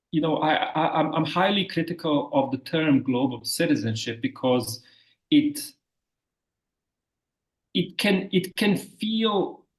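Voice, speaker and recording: A man from Bosnia talks as an interview guest in a gravelly, fry-tinged voice. He speaks thoughtfully and haltingly, circling back and restarting his phrases. The recording sounds roomy and echoey. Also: on the high side. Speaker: guest researcher. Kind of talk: interview talk.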